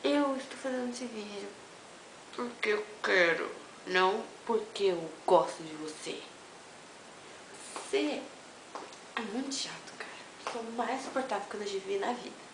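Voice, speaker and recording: A young woman from Fortaleza, teasing a friend in a video message, dropping to mutters and jumping to loud squeals. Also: mid-range voice, moderate pace, echoey room, slight background noise, rough recording. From Fortaleza, Brazil. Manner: mock-insulting and playful, swings between mutters and loud squeals.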